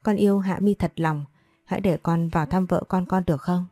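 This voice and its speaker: A woman's voice: lowish voice, fairly even intonation, fairly quick, dark tone, no room sound, natural voice. A woman reading the lines of a stubborn, deceitful young man in a storybook, with an insistent manner. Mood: pleading.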